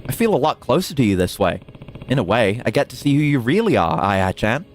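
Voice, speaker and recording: A man's voice: medium pitch, big pitch swings, a little fast, a little hiss or hum, natural voice. A man reading as a kind young detective. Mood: reassuring.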